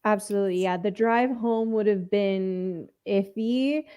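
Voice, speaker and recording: A woman's voice: medium pitch, a little slow, dark tone, clean tone. Woman giving short, supportive replies. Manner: supportive, brief affirmations. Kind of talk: casual livestream chat.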